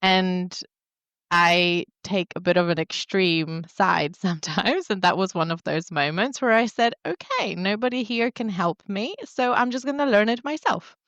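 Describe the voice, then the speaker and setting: A woman's voice: medium pitch, lively intonation, unhurried, a bit bright, dry recording. A woman in her thirties, born in Poland and raised in England, answering interview questions as a guest in an open, reflective way. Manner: reflective, open storytelling with small laughs. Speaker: guest, yoga teacher and wellness coach. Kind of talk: interview answers, personal story.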